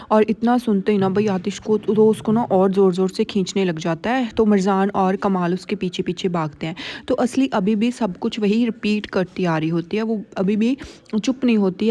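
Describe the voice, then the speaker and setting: A woman's voice: mid-range voice, dark tone. A woman hosting a drama recap, telling the story in a chatty, casual way with frequent fillers.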